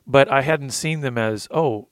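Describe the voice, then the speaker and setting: Sharing his testimony of recovery as a podcast co-host, this thirty-something man speaks with earnest emotion and cites scripture on a faith-focused show. His medium-pitched delivery runs a little slow, with no echo.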